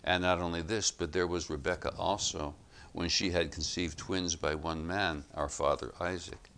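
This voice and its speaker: A man giving expository Bible teaching, reading passages aloud and explaining them in a measured, emphatic way. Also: low-pitched, fairly even intonation, a bit bright, a little hiss or hum.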